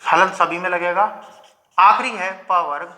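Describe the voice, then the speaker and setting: A young man teaching Hindi grammar in a lecture, asking questions and answering them himself and sounding out each letter slowly. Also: high-pitched, fairly even intonation, sharp tone. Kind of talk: classroom lecture.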